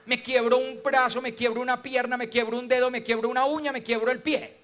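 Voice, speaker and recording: Brief: man playing a worried little boy, high, whiny voice, fears every disaster. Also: little pitch movement, brisk, fairly bright tone. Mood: anxious whining. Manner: anxious, catastrophizing, whiny. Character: fretful pessimistic little boy.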